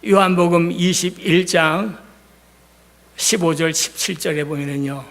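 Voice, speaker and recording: High, gravelly pastor preaching in a hall. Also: male voice, a little slow. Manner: emphatic, dramatic retelling with swings between loud and hushed. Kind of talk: sermon. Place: church sanctuary. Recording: long hall reverb.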